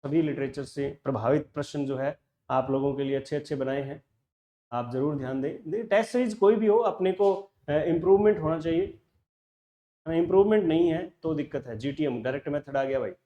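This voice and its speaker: A man with a Rajasthani Hindi accent, working through a test paper as an English teacher. He reads each option slowly and then explains it in quick, conversational Hindi mixed with English. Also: fairly high pitch, dull audio. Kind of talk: solving a test paper in a lecture.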